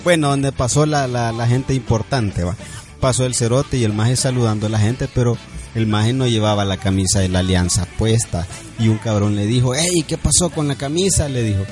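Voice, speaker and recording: A man's voice: on the low side, fairly even intonation, normal speed, darkish tone, faint music behind. A man with a Salvadoran accent, co-hosting a podcast with profane, joking commentary. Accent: Salvadoran Spanish. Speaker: podcast co-host. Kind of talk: crude casual banter.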